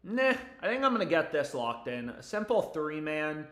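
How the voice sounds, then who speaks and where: A young adult livestream host hands out betting picks in casual, sweary frat-bro slang. He's very animated, with a voice on the high side, a bit bright and at a moderate pace. The sound is roomy and echoey, as if indoors.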